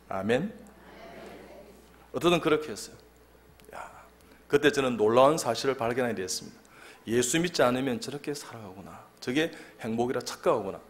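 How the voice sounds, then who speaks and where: A man in his fifties, a church elder and doctor, giving a humorous testimony sermon with lively storytelling and acted-out lines. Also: mid-range voice.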